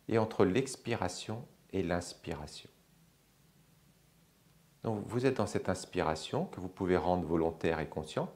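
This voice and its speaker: A man teaching yoga, calmly guiding a slow breathing exercise with long pauses. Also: low voice. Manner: slow, calm, measured guidance with long pauses. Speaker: yoga instructor.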